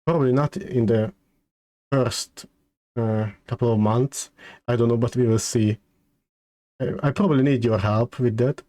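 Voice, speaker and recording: A male streamer talks casually to his chat at an unhurried pace. His voice is soft-edged and mellow at a middle pitch, and he feels his way haltingly through sentences, repeating words. The sound is close and dry. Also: fairly even intonation, no room sound. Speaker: streamer hosting a debut stream.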